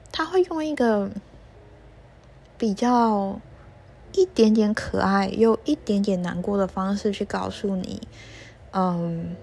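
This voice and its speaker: A woman telling a fable to children and explaining its lesson gently, with pauses. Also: medium pitch, vocal fry. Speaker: storyteller for children. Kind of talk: storytelling to children.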